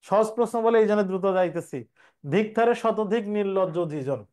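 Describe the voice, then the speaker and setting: A man's voice: high voice, animated, fairly quick, darkish tone. A young man, teaching an exam preparation class and explaining step by step, repeating each question before answering it.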